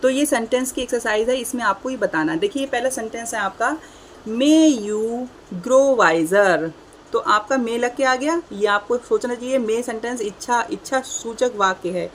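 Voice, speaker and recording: Woman, grammar teacher, slow read-out examples, slightly high pitch, faint background hiss. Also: fairly bright tone, poor audio. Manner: reads English examples slowly, then explains. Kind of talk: explaining English grammar in Hindi.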